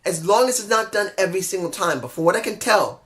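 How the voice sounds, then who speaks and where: Feeling under the weather with a head cold, this man rambles through a solo wrestling-show review, repeatedly fixing his mistakes, saying sorry for mix-ups and grumbling with frustration. He speaks quickly in a high, fairly bright voice with lively intonation.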